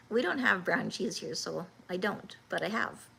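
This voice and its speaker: A woman in her fifties hosting a livestream, talking earnestly and haltingly, with many restarts, as she answers viewers' comments. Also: medium pitch, very animated, gravelly, sharp tone, a little hiss or hum. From Canada. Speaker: livestream host.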